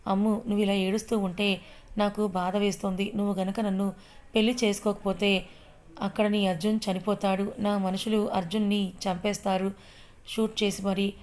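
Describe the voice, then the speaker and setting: A woman's voice: medium pitch, little pitch movement, moderate pace, a little mellow, lightly acted. A woman reading as a taunting male villain. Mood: menacing. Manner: taunting, threatening. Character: menacing young male villain, possessive.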